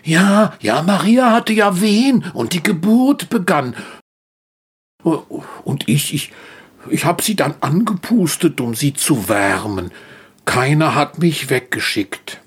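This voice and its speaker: A man voicing a gentle, devoted male donkey, telling the story in character with a soft, wondering manner. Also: fairly high pitch, animated, takes it slowly, slightly rough, exaggerated voice. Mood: awed.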